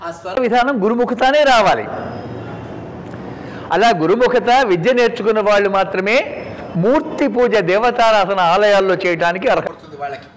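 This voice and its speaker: High-voiced man giving a devotional discourse. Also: a little fast, pauses often. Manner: emphatic, instructive, swings between loud stresses and quiet asides. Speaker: religious discourse speaker. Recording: reverberant hall with faint background noise.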